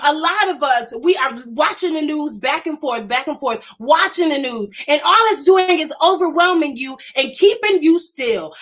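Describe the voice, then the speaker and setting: A woman preaching fervently to live-stream viewers, emphatic and excited, repeating her phrases and stammering when she gets worked up. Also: high voice. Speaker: inspirational speaker hosting a live stream.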